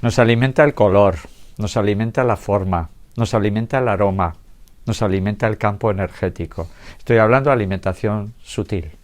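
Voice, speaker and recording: A man with a somewhat low voice gives a health lecture to an audience in a lecture room. He speaks in a relaxed, conversational way. He poses rhetorical questions and checks in with his listeners as he goes. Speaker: doctor giving a public lecture.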